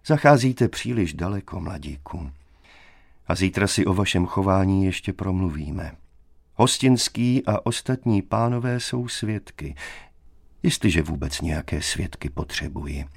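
A composed, weary surveyor , as a male narrator voices him, speaks softly and coolly in a very low voice. The recording is dry and close, like a studio audiobook. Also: lively intonation, gravelly, breathy edge, no room sound, heavily acted. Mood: calmly firm.

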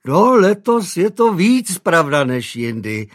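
A man's voice: fairly high pitch, sing-song, voice pushed up. A man doing an eager chattering housemaid. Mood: fussing. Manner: fussing, talkative.

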